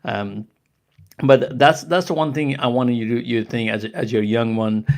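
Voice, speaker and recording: Halting, gravelly Nepali-accented older man. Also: mid-range voice, steady tone. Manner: halting, many restarts and fillers. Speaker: live stream host. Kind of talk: casual live stream talk.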